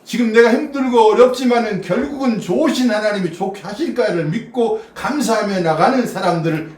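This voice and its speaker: This male pastor has a high, slightly mellow voice and talks fairly quickly. He gives a casual, chatty sermon to a small group, often laughing and quizzing listeners. Recording is from a distant mic in a small church room, roomy and echoing with faint noise in the background.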